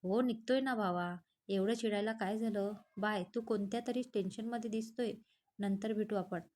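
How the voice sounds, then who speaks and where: A woman's voice: mid-range voice, steady tone, moderate pace, a little mellow, slight background noise, close to an everyday voice. A woman voicing a chatty young man who teases his friend, in a read-aloud storybook. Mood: teasing. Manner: teasing, chatty. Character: young man, lovestruck, pushy, joking friend.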